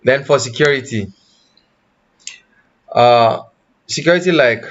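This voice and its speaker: A man teaching blockchain development in a live online class, pausing often and correcting himself, and checking in with "you understand?". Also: medium pitch, highs cut off. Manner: halting, self-correcting, asks "you understand?". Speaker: tech instructor.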